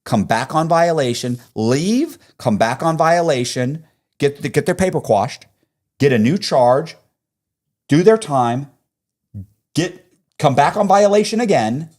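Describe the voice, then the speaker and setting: A man's voice: fairly high pitch, lively intonation, unhurried, a little mellow. A man hosting a podcast, telling stories in casual chat, profane and fond of acting out the people he quotes. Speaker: podcast host.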